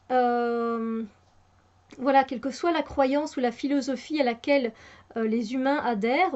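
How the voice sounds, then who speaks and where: This is a casual spoken product review of a tarot deck by an enthusiastic native French speaker, recorded at home with muffled, lo-fi sound. Her voice sits high and is a little mellow, and she hesitates often, with many fillers and restarts.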